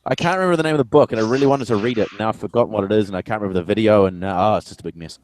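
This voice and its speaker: A man's voice: on the low side, racing, darkish tone. A man in his twenties chatting casually with friends, rambling with lots of fillers and restarts and swearing freely. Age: 20s. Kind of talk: casual group chat.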